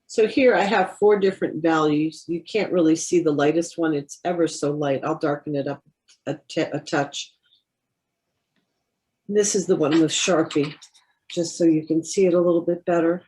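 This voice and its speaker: Patient, encouraging woman art instructor with a slightly low voice, practical live-class delivery. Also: fairly even intonation, moderate pace, darkish tone, low-quality recording. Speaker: watercolor instructor.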